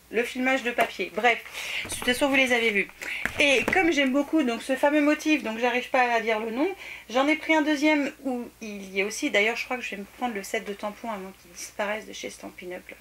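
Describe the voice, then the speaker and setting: A woman's voice: mid-range voice, fairly bright tone, slight background noise. A woman vlogger chatting casually about a shopping haul, often restarting her sentences and laughing at herself.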